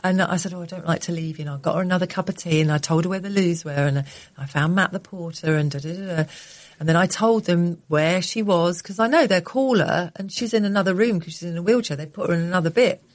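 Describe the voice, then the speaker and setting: A woman's voice: on the low side, fast talker. A middle-aged woman, co-hosting a radio show, chatting, laughing and telling rambling stories. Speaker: radio co-host. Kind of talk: casual radio chat.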